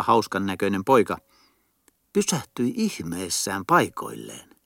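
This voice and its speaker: A man narrating a classic children's story in a calm, measured way. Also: lowish voice, dry recording, clean studio sound. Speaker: audiobook reader.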